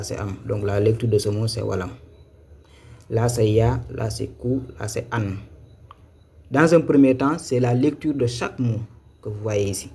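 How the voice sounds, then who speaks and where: A man's voice: medium pitch, warm tone. Patient man teaching syllable by syllable. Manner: patient, repetitive, spells out syllables slowly. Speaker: Quran reading teacher. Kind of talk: live online lesson.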